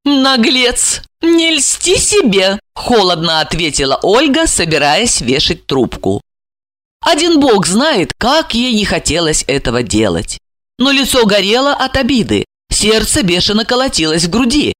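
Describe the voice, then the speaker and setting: A woman with a mid-range voice narrates a scripted audiobook at a moderate pace, telling the story expressively. The studio-quality recording has no room sound.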